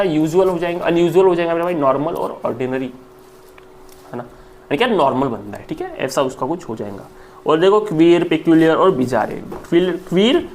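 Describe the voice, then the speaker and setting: A man with an Indian accent teaching English vocabulary in a lively, chatty online lecture, repeating words aloud and calling listeners brother. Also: a little high, slight background noise. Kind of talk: online exam-prep lecture.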